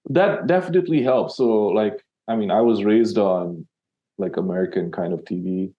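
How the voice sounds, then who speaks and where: A man's voice: fairly low pitch, moderate pace, muffled recording. A man from Sri Lanka, a copywriter guest in an interview, talking casually with many fillers and restarts.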